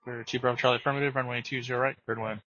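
A man working as an air traffic controller, giving brisk, procedural instructions over the radio. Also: mid-range voice, level tone, pushed and bright. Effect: radio transmission. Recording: muffled lo-fi radio audio.

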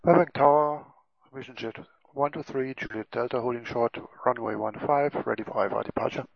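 A man's voice: mid-range voice, brisk, vocal fry, dry recording. A man talking as a pilot over a cockpit headset radio, making clipped, procedural calls. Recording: muffled lo-fi radio audio.

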